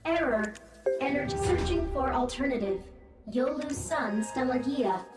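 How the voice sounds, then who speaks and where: A malfunctioning female machine voice in a game, stuttering through error reports and detected-access alerts in short, mechanical bursts. Her tone sits high and rings out, echoing from a distance. Loud game music swells behind her. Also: measured pace. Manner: flat repeated error reports, clipped commands. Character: glitching female machine system voice.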